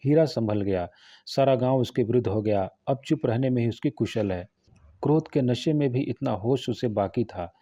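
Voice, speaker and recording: A man narrating a literary novel in a steady, measured storytelling manner, close to the mic. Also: medium pitch, no room sound. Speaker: audiobook narrator. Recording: slightly dull lo-fi recording.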